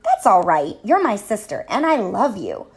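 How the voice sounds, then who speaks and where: A woman voicing a vain, excitable young female hamster who gets theatrical and wails when upset, in a read-aloud storybook. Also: medium pitch, normal speed. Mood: glamorous, giddy.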